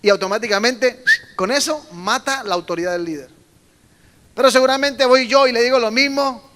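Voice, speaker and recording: He has a very high voice and speaks at a normal speed: a middle-aged pastor from Colombia delivering a sermon to young people. He acts out quoted voices, tells animated stories and delivers emphatic bursts.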